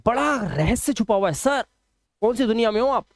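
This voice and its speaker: A man's voice: very high voice, lively intonation, moderate pace, no echo, studio quality. A male English teacher running a phonics lesson, drilling pronunciation rules and scolding his students.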